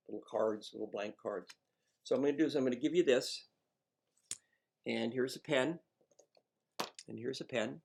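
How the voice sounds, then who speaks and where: A man working as an addiction counselor, coaching a patient one-on-one in a gentle, coaxing, self-mocking way. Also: medium pitch, vocal fry.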